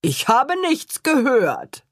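A woman voicing a boastful, cheerful father who performs a clumsy magic show, announcing slowly and grandly in a husky voice. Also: sits high, wildly swooping pitch, fairly bright tone, no room sound, studio quality, voice pushed up, heavily acted. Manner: slow, grand showman's announcing.

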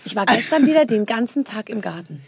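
Husky woman radio host, dry sound. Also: a little high, expressive, fairly quick, a little mellow, dry recording. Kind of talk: casual radio chat.

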